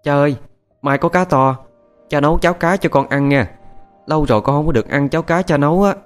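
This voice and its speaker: A man voicing a bright, eager little fisherman's girl in a high, childish pleading voice, for a told ghost story. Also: quick pace, soft background music, close to an everyday voice.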